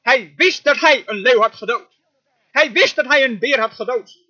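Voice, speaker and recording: A man's voice: extremely high pitch, normal speed, pushed and bright, dull audio. A man giving a sermon as a dubbed voice-over, emphatic and full of amens. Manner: emphatic preaching, frequent amens. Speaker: sermon interpreter.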